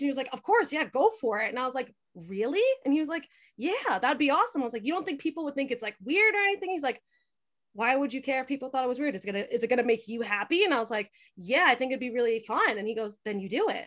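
A young woman, a podcast host being interviewed here, chats casually and animatedly, full of "like" and acted-out quotes of dialogue. She has a high voice and talks fast.

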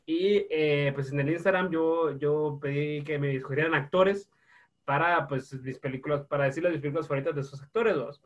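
A man's voice: fairly high pitch, steady tone, a little fast, dull audio. A man co-hosting a podcast, chatting casually in a rambling, laid-back way and swearing freely. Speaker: podcast co-host. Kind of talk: casual chat.

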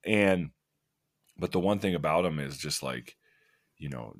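Very deep-voiced male podcast host. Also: lively intonation, measured pace, no room sound, studio quality. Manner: rambling, self-interrupting, laughs at himself. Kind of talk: casual podcast chat.

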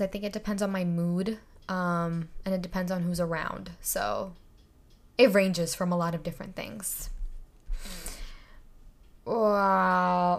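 Giggly young woman podcaster. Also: medium pitch. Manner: chatty and giggly, trips over words while reading questions. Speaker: podcast host. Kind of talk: casual solo Q&A podcast.

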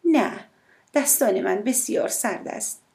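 Woman reading as Death in female form, cool, composed, softly teasing, raised pitch, lilting audiobook voice. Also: lively intonation, gravelly. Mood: reluctant. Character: Death as a calm, mysterious young woman. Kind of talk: audiobook character voice.

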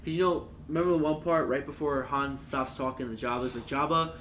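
A man's voice: medium pitch, quick pace, fairly bright tone. A young man talking as a podcast guest in casual chat, loose and profane, laughing often. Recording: echoey room, faint background noise.

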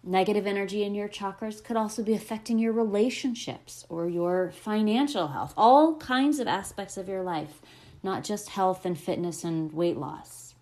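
A woman speaking as a podcast host and holistic coach, explaining spiritual wellness in a gentle, encouraging way. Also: mid-range voice, normal speed.

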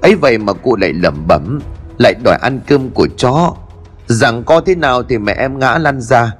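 A man's voice: mid-range voice, lively intonation, moderate pace, husky, soft background music. A man voicing a scheming young woman who shrieks abuse and then wails falsely, in a narrated ghost story. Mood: wailing. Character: scheming shrill young woman, daughter-in-law.

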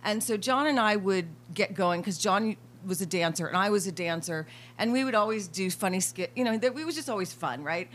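A woman's voice: mid-range voice, brisk, few pauses. A woman, a former dancer, telling funny stories in a casual chat with friends, laughing as she goes. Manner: animated, laughing through anecdotes. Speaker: friend sharing memories.

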